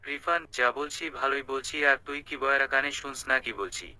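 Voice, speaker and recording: Brief: male reader as a pushy young buddy, scolding and blunt, with a bright, tense edge. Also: mid-range voice, steady tone, normal speed, rough recording. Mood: bossy. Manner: blunt, scolding, rough slang. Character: young man friend, rough and bossy.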